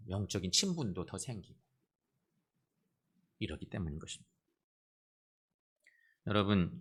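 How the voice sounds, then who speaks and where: A man preaching a sermon as pastor, earnest, repeating key phrases and turning to the congregation with direct questions. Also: on the low side.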